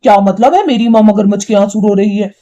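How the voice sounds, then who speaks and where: A woman's voice: medium pitch, a little fast, mellow, close to an everyday voice. A woman voicing a hot-tempered young husband and son in a cartoon, scolding and indignant. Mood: angry. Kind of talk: cartoon voice acting.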